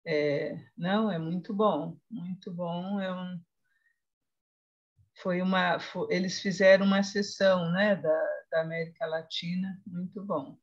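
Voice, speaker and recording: A woman moderating an academic session over a video call. She speaks softly and lets her sentences trail off. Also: on the low side, fairly even intonation, a little slow, lo-fi sound.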